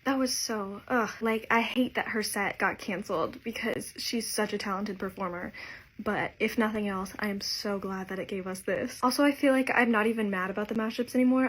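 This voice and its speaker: A woman's voice: medium pitch, slightly rough. A young woman vlogging casually about her crochet project, chatty and enthusiastic as she counts stitches and numbers aloud.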